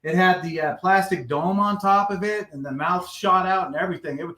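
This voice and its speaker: A man's voice: sits high, brisk. Roomy-sounding man in his forties. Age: 40s. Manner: relaxed, rambling storyteller. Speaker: guest collector. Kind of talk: casual podcast chat. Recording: roomy echo.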